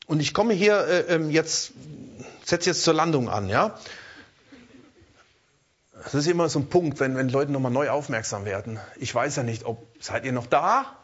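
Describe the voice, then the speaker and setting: A man preaching a sermon in a lively way, often checking in with his listeners and repeating words as he searches for the next one. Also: a little high, moderate pace, long pauses, husky, lo-fi sound.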